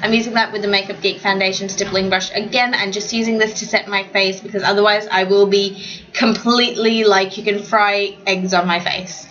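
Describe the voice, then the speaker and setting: A woman's voice: medium pitch, steady tone, brisk, a bit bright, muffled recording. Chatty young woman, makeup voiceover. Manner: chatty, slightly tongue-tied. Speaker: beauty vlogger. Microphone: home voiceover mic.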